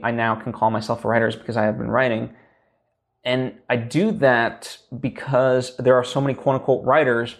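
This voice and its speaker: A young man hosting a podcast, explaining writing advice in a loose, rambling way with many restarts. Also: mid-range voice. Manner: rambling, full of fillers and restarts. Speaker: podcast host. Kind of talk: casual teaching talk.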